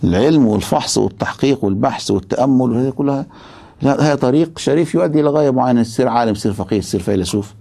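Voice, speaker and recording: A man's voice: mid-range voice, very fast, creaky, dark tone. A man giving a religious philosophy lecture, emphatic and stopping often to ask his students rhetorical questions.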